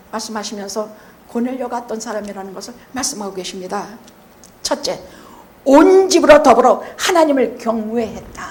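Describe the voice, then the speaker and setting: A woman with a fairly high voice preaches in a church sanctuary. Her delivery is blunt and colloquial, teasing the congregation. She drops to quiet asides, then bursts into loud shouted emphasis. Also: a little hiss or hum. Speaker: pastor. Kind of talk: sermon.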